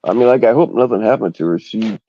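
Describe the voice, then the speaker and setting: A man's voice: lowish voice, fast talker, dull audio, a little hiss or hum. A man hosting a livestream, chatting casually and rambling with crude jokes. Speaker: livestream host.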